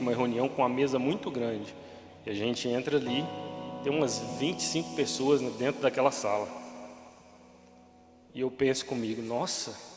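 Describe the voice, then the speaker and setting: Man giving an emotional church testimony. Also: mid-range voice. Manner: emotional, rising to shouting at peaks. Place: church hall. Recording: echoey hall with music behind.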